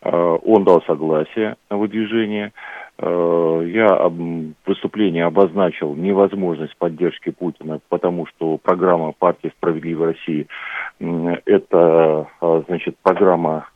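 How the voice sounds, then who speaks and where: A man, a regional party leader, speaking as a phone guest in a political interview, measured and formal with frequent hesitations. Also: low-pitched, fairly even intonation, dry recording. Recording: narrow phone line.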